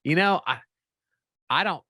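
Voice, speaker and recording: Bright-voiced, joking male podcast guest. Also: fairly high pitch, a little slow. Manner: joking, self-mocking, blunt slang. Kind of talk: casual podcast debate.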